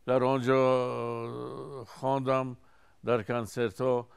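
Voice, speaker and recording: Older tajik guy in his 70s, singer telling stories, really smooth resonant voice, takes his time. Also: mid-range voice, level tone. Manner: unhurried storytelling with frequent restarts. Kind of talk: recounting stories in an interview.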